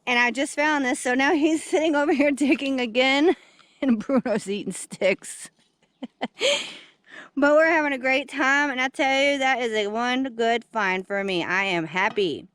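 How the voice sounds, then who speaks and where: A woman, vlogging outdoors into a handheld camera, excitable and chatty as she talks straight to viewers. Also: sits high, measured pace, dry recording. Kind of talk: casual outdoor vlog narration. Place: outdoors at a dig site.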